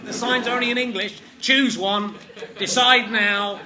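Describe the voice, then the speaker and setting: A man co-hosting a live comedy podcast on stage, teasing in a deadpan, mock-offended way. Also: high voice, unhurried, a crowd in the background. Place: live stage show before an audience.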